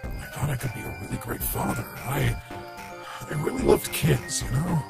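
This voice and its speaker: Man playing a creepy undead villain in a fan animation; heavy fry, wistful and halting, music underneath. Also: mid-range voice. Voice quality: gravelly. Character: creepy, self-pitying undead male killer in animatronic suit. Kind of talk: dramatic character acting in fan animation.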